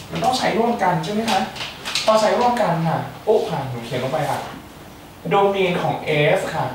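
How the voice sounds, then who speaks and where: Young man teaching math in an echoey room. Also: high voice. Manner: playful, chatty, joking asides to students. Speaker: student tutor. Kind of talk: exam-prep math lecture. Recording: echoey room, mic far off, faint hiss.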